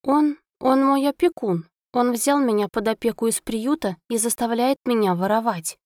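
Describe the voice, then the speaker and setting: A woman's voice: a little high, moderate pace, darkish tone, no echo, clean studio sound, natural voice. A woman voicing a timid, polite young orphan boy who apologizes and pleads eagerly. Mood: pleading.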